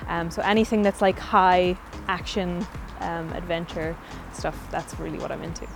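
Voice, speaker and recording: A young adult woman from Galway speaks with a west of Ireland accent in a fairly low voice. She answers interview questions in a casual, thoughtful and chatty way, with music playing behind her. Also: steady tone, normal speed, creaky. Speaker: interview guest, young author.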